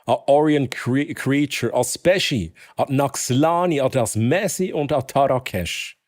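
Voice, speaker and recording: A man's voice: mid-range voice, a little slow, a little mellow. A man with a Swiss accent talking casually as a live streamer, thanking and greeting viewers and mixing dialect and English slang into his German.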